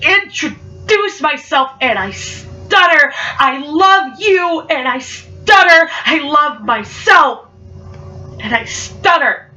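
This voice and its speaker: Performing spoken word poetry, this young woman has a high voice with lively intonation and a sharp tone, though she speaks slowly. She stutters while keeping an emphatic, rhythmic delivery, and the audio sounds muffled and distant.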